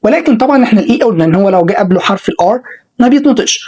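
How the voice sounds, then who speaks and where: A woman with an Egyptian Arabic accent leads an online English pronunciation lesson at a mid-range pitch. She stretches out each model word and repeats it so listeners can say it after her. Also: expressive, warm tone, breathy edge, low-quality recording. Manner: models sounds slowly and repeats words for learners to copy.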